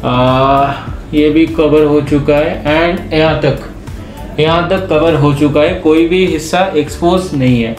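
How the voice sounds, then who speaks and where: A man with a high voice speaks through a cloth face mask, which muffles his speech. He addresses the viewers directly and explains things step by step, like a product reviewer. The room has a strong echo and soft music plays underneath. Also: fairly even intonation, slow pace. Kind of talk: casual product review vlog.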